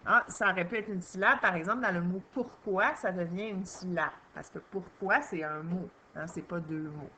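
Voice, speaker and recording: A woman's voice: lowish voice, moderate pace, hardly any pauses, sharp tone, slight background noise. A woman with a Québécois French accent teaching young children to read, patiently sounding out syllables one by one. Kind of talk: early reading lesson for young children.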